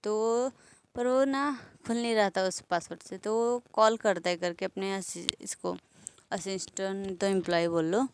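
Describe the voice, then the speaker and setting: A woman's voice: mid-range voice, steady tone, a little slow, a little hiss or hum. A woman casually retelling an anime episode, chatty and laughing along, talking straight to her viewers. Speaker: anime recap narrator. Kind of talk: casual spoken story retelling.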